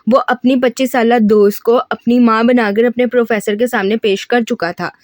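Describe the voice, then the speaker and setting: A woman narrating an audiobook reading of a romantic novel in a steady storytelling manner. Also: a little high, moderate pace, no echo, clean studio sound.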